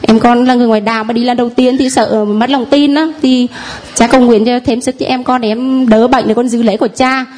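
A woman's voice: fairly high pitch, fairly even intonation, brisk, a little mellow. Hesitant woman giving a church testimony. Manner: hesitant, many fillers. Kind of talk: spoken testimony.

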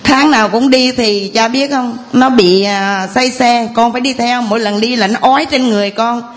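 A woman's voice: fairly high pitch, moderate pace. A woman, telling a long, rambling, earnest story of faith to a priest in church. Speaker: parishioner giving testimony. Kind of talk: tearful church testimony.

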